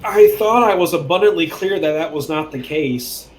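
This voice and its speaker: A man's voice: on the high side, moderate pace. A man acting as game master, chatting casually and patiently explaining his rulings. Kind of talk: casual chat between game sessions.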